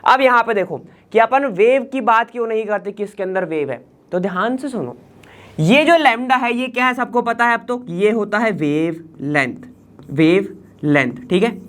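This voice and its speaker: A man's voice: sits high, lively intonation, moderate pace, a bit bright. Chatty male chemistry tutor. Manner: explains step by step, tagging lines with "ठीक है" and asking questions; mixes English terms into casual Hindi. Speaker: chemistry teacher. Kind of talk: online exam-prep lesson.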